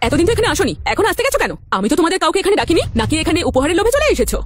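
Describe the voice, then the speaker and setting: A woman's voice: very high voice, big pitch swings, racing, slight background noise. A woman playing a haughty scolding mother. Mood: scornful. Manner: scolding, contemptuous. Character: stern haughty mother of a rich family, older woman. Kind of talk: TV-style family drama acting.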